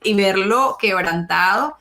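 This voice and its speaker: A woman tells her story in an interview. She often stops and restarts, repeating words as she searches for them, and her pitch sits in a middle range. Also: takes it slowly, bright, forceful tone. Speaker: interview guest. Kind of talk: emotional testimony in conversation.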